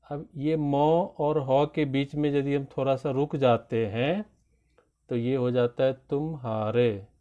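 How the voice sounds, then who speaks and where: A man teaching a grammar lesson to children, explaining slowly and drawing out his example words. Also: medium pitch, dark tone, lo-fi sound. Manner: slow, deliberate explanation with drawn-out example words. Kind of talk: classroom lesson addressed to children.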